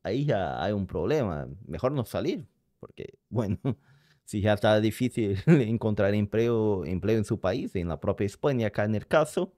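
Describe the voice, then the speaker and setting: A reaction streamer whose first language is Portuguese speaks with a Brazilian accent, hesitantly searching for words as he reacts to a video and reads the chat aloud. His voice is lowish and dark, recorded clean in a studio with no room sound.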